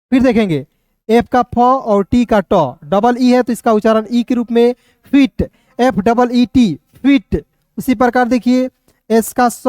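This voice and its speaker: A man teaching English reading to viewers. He spells words out letter by letter, drills each one slowly and keeps asking his friends in the audience questions. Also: very high voice, a little mellow, smooth, no room sound, clean studio sound. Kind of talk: spoken phonics lesson for Hindi speakers.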